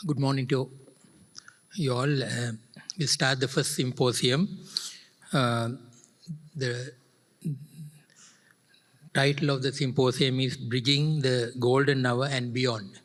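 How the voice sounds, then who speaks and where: Male session chair, mid pitch, plain formal intro with hesitations; echoing auditorium. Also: fairly even intonation, slow pace, long pauses. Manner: brief, hesitant, with "uh" fillers. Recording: conference hall with long reverb.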